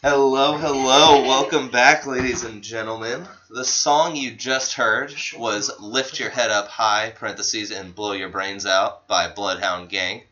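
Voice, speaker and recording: A man's voice: medium pitch, steady tone, measured pace, hardly any pauses, bright, forceful tone. A man hosting a casual podcast, greeting listeners in a playful announcer style. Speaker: podcast host. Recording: dull lo-fi recording.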